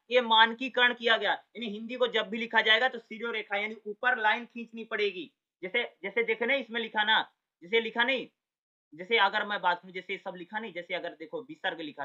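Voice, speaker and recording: A man teaches in a chatty, informal way, asking himself questions and checking in with his listeners again and again. His voice sits high and sounds very bright and forceful. The recording is dull and lo-fi. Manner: chatty, repeats "ठीक है" and rhetorical questions. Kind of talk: informal exam-prep lecture. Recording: dull lo-fi audio.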